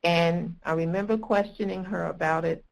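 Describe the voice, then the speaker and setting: A woman family law attorney speaking in a training webinar, measured and hesitant, with many ums. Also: fairly low pitch, steady tone, gravelly, low-quality recording.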